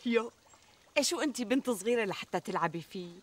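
An actress playing a flattering, reassuring middle-aged Syrian friend who talks emphatically in a TV comedy. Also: female voice, on the high side, fast talker. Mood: reassuring, curious. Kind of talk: conversational TV comedy sketch acting. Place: outdoors in a garden. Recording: outdoor ambience, trickling water noise.

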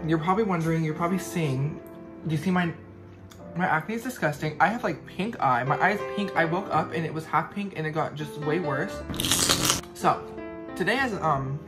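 A young man vlogging casually, dramatic and self-mocking, with frequent swearing. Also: fairly high pitch. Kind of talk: casual vlog chat. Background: loud guitar music.

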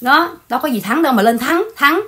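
A woman hosting a casual livestream chat, animated and repetitive, speaking straight to her viewers. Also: high-pitched, brisk. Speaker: channel host.

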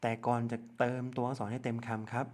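A man with a Thai accent teaching young children English numbers, spelling out letters one at a time and repeating each word slowly. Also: medium pitch, flat delivery, a little mellow. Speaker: primary school English teacher. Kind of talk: slow step-by-step lesson narration.

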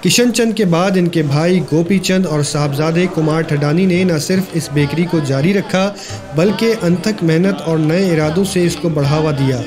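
A man narrates in a formal, measured documentary voice-over, reading a scripted history. His voice sits a little high, and music plays clearly beneath him. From Pakistan.

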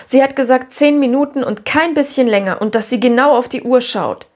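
A woman doing a gentle, tearful young girl. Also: high-pitched, fairly even intonation, brisk. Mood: sad.

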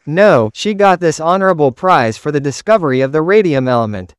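A man's voice: on the high side, animated, a little fast, smooth, dry recording, studio quality, lightly acted. A man voicing an earnest, know-it-all cartoon audience member. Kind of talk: cartoon parody acting.

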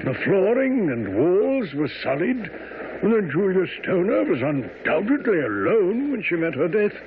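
An actor playing an earnest, puzzled doctor, a detective's loyal companion, hesitant and questioning in a radio drama. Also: male voice, high voice, big pitch swings, unhurried, narrow, tinny audio. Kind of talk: 1970s radio drama acting. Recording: thin, noisy old radio recording.

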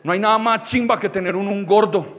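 A young Colombian man doing stand-up comedy storytelling, animated, with loud outbursts and crude slang. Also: sits high, fairly quick, long reverb tail.

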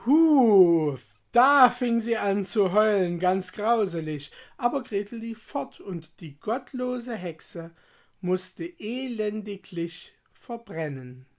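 A woman reads a fairy tale aloud in a calm, measured storytelling manner. Her voice sits at a middle pitch and she takes her time, letting each phrase settle. It is an unhurried bedtime-story reading.

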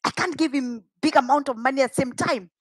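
A woman's voice: high-pitched, fast, dry recording, clean studio sound. A middle-aged woman with a Kikuyu Kenyan accent, telling a personal story in a dramatic, emphatic way on a headset mic. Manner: dramatic, emphatic, with rhetorical questions. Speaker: vlogger telling own life story. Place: home kitchen, indoors.

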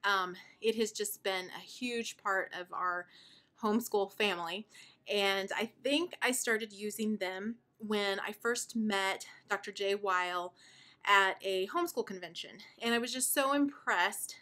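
A homeschooling mother in her thirties hosts a video, showing and explaining her curriculum with chatty, warm enthusiasm and plenty of fillers. She's out of breath and sighs as she talks, her medium-pitched voice a little slow.

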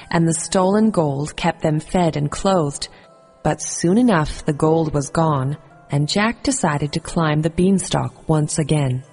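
Slow, husky woman storyteller. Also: fairly low pitch, big-room sound. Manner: calm, measured storytelling. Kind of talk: scripted narration of a children's fairy tale.

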